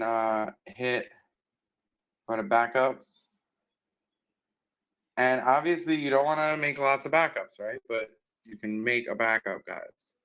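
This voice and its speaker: A workshop instructor leads a casual screen-share tutorial in a loose style packed with fillers. His mid-range, fairly bright voice comes through an open computer mic on a video call, and the poor audio keeps cutting in and out over a bad connection.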